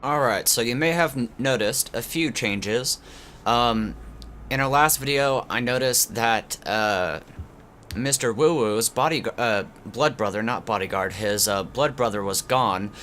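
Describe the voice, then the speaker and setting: A man's voice: mid-range voice, unhurried, a bit bright, a little hiss or hum. A man with a stuffy, congested voice from a cold, like he is talking through a tube, rambling casually as he hosts his gaming channel. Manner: rambling, loose, with many fillers and restarts. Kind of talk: casual gameplay commentary.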